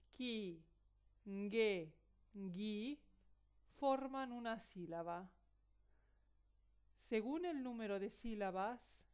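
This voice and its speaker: Woman, teacher, scripted lesson; slow, deliberate delivery, crisp and resonant tone. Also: medium pitch, darkish tone. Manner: slow, careful, spells out example words. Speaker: Spanish teacher.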